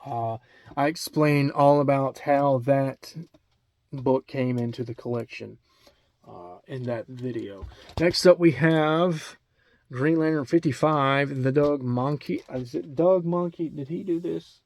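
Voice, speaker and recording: Taking his time, a man with a medium-pitched, slightly mellow voice and an Alabama accent chats on video about his comic book collection. There's no room sound, and his rambling talk is full of ums and restarts.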